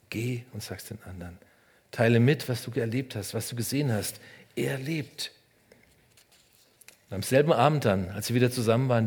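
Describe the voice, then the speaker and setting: A man preaching a sermon in short phrases, speaking straight to the listener and swinging between loud emphasis and hushed, almost whispered lines. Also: medium pitch, slightly rough. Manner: addresses the listener directly and personally. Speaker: pastor.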